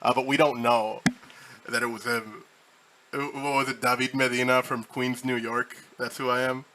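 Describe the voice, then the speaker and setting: A man's voice: mid-range voice, little pitch movement, moderate pace, sharp tone. Male host, casual chat, profane joking rambles, faint noise behind.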